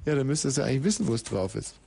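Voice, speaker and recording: A man's voice: medium pitch, sing-song, rapid-fire, creaky, mellow. Joking male radio host, laughing often. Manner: joking, frequent laughter, mock play-by-play. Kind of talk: live radio banter.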